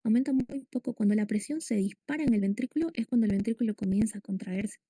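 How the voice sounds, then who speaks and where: A woman's voice: medium pitch, fast talker, mellow, husky, no room sound. A woman giving a medical lecture, explaining step by step and quizzing her students. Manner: explanatory, asks students questions.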